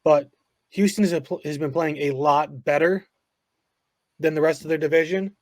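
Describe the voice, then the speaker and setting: A man's voice: fairly high pitch, steady tone, normal speed, no room sound, clean studio sound. A man co-hosting a podcast, leading the talk on to new topics with casual questions. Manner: asks questions to steer the talk. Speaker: podcast co-host. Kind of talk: casual sports chat.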